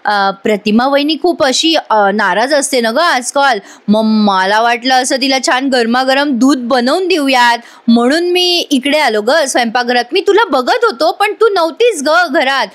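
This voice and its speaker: A sly, nervous middle-aged husband from a family TV drama recap, stammering and sweet-talking his wife, as a woman reviewer puts him on. He talks in a fairly high voice and his coaxing slows down now and then. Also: animated, fairly bright tone, full character voice.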